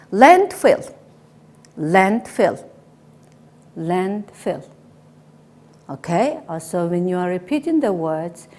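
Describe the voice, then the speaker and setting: Slow woman teaching English vocabulary. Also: medium pitch, a little mellow. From Mongolia. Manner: slow, deliberate, repeating each word for learners. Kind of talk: vocabulary lesson with repetition drills.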